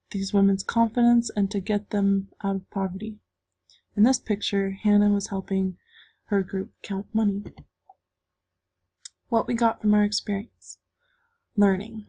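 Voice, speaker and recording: A woman's voice: mid-range voice, warm tone, husky, no room sound, rough recording. A woman giving a prepared presentation as a speaker with slides.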